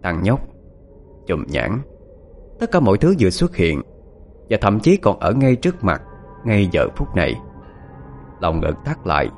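A man narrating a first-person ghost story in a hushed, suspenseful, expressive way. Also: low voice.

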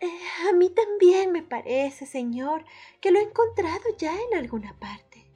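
A woman's voice: extremely high pitch, big pitch swings, unhurried, dark tone, faint music behind, voice pushed up, full character voice. A woman playing a polite English lady in a radio play, marvelling at every coincidence with formal exclamations. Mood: amazed politeness. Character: Mrs. Martin, a polite, wondering English lady. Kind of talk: radio theatre acting.

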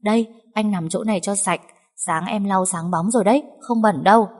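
A woman's voice: mid-range voice, fairly quick, darkish tone, lightly acted. A woman voicing a timid young housemaid who stammers and pleads anxiously. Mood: eager. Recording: long hall reverb.

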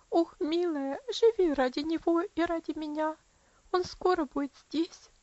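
A woman's voice: high-pitched, a little mellow, dry recording, lo-fi sound. A woman doing a tender, tearful young aunt. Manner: trembling, soothing, tearful.

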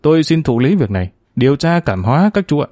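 A man voicing an older retired father who speaks calmly and urges gently, in a narrated story. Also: on the high side, quick pace, dry recording, studio quality. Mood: fatherly.

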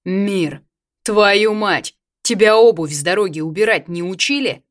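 A woman's voice: lowish voice, lively intonation, moderate pace, close to an everyday voice. Woman voicing a brash mocking young twin brother. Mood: yelling. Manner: loud, teasing, sing-song jabs.

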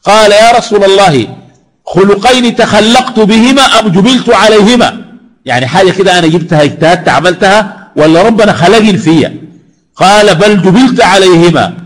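A preacher talks at a quick clip in a fairly high voice. He slips between formal quotations and relaxed everyday asides, with his pitch jumping up sharply as he makes a point. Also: poor audio. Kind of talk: colloquial religious lesson.

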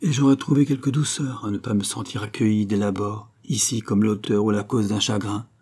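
A man doing an earnest young count in a storybook reading, talking up higher than his own low voice, eager and pleading. the sound is warm and a bit husky. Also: steady tone, fairly quick. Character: earnest young male count, impulsive and kind.

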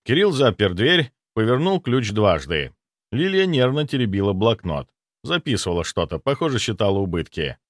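A man narrating a first-person fantasy audiobook in an expressive, vivid storytelling manner. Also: medium pitch, dry recording, studio quality.

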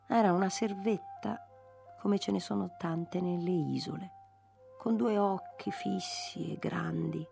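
A woman narrating a literary novel aloud in a measured, expressive reading. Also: low-pitched, vocal fry. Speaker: audiobook narrator.

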